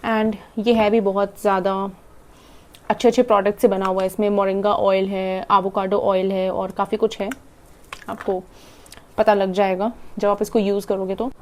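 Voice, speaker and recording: A young Indian woman with an Indian accent, chatting fast through a casual makeup tutorial as she applies it and swallowing half her words. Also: mid-range voice, little pitch movement, a little mellow. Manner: chatty, demonstrating while applying makeup. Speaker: makeup vlogger. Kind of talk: casual makeup tutorial, Hindi-English mix.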